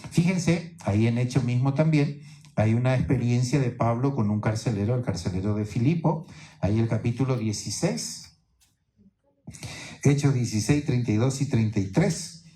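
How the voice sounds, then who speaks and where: A man's voice: mid-range voice, moderate pace, warm tone. A man preaching a sermon in Spanish to his congregation, teaching as he goes and often checking in with "¿no es cierto?". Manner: teaching tone, keeps asking "¿no es cierto?". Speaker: pastor. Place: church in New York.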